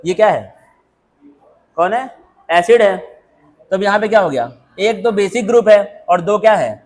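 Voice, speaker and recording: A man with a high-pitched, expressive, darkish voice lectures a class unhurriedly, constantly firing rhetorical questions and drilling the answers back in call-and-response. He jokes around, teases the students and calls on them by name.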